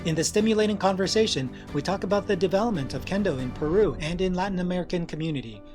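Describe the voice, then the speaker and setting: A man hosting a podcast, reading a scripted introduction in an even, measured way. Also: sits high, music in the background. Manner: read from a script, evenly paced. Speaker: podcast host.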